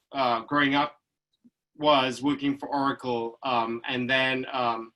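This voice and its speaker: A Trinidadian man with a bright, medium-pitched voice appears as a guest, an infectious disease physician. He chats in a relaxed, anecdotal way, telling stories peppered with fillers like "like" and "you know."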